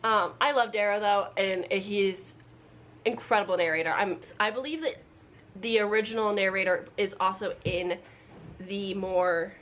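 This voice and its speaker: Speaking at a normal pace in a mid-range, fairly bright voice, a woman rambles casually to camera about an upcoming readalong she's hosting as a book vlogger. She's indoors at home, and the recording picks up background room noise and an appliance running.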